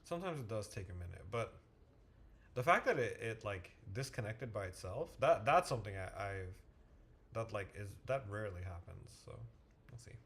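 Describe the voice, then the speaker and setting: Halting, animated man thinking aloud. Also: lowish voice, gravelly. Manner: halting, frequent restarts and self-corrections; muttering to himself while waiting on the screen. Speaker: math tutor and streamer. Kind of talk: casual livestream talk, thinking aloud.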